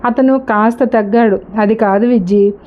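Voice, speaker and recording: A woman's voice: fairly high pitch, steady tone, normal speed, natural voice. A woman voicing a practical, dismissive young husband who talks down in an argument, in a slightly dull lo-fi recording. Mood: arguing.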